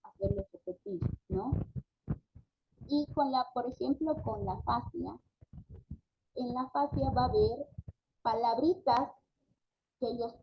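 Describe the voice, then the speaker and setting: Slow, gravelly-voiced woman lecturing. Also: on the high side, expressive. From Bolivia. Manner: hesitant, many fillers and tag questions; demonstrates syllables and words aloud. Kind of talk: online postgraduate lecture. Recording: lo-fi call audio with background noise.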